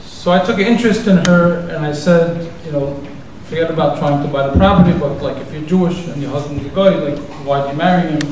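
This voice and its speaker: Here the evening's organizer and host, a man with a fairly high voice, talks briskly with barely a pause while crowd noise fills the background. His introductory remarks wander casually into a conversational anecdote. The synagogue hall is very reverberant, and the microphone sits far from him.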